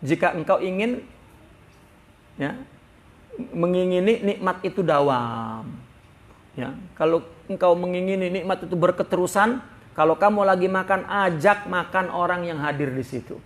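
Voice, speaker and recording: A male religious teacher, telling stories lively in a sermon at a study gathering, acting out playful dialogue. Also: sits high, moderate pace, long pauses.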